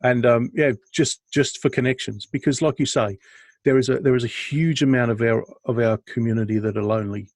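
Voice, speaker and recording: A man's voice: medium pitch, fairly even intonation, fairly quick, no echo. A man, co-hosting a podcast in a casual chat over a video call. He tells stories in a chatty, self-deprecating way and laughs often. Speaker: podcast co-host.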